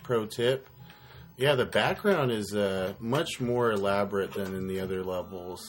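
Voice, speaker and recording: A man's voice: on the low side, unhurried, soft background music. A man giving casual, joking, rambling commentary while playing a retro game as co-host.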